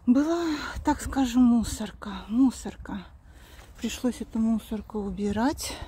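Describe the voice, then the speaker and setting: A woman's voice: a little high, warm tone. A woman in her fifties talking earnestly straight to her viewers in a casual walking vlog, filmed on a phone held at arm's length outdoors. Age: 50s. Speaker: vlogger. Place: outdoors, street and cemetery. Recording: noisy outdoor phone recording.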